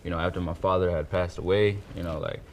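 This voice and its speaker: A man's voice: sits low, steady tone, fast talker, slight background noise. A man from New York, a game contestant, talking in a laid-back way full of slang and fillers. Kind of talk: casual group chat.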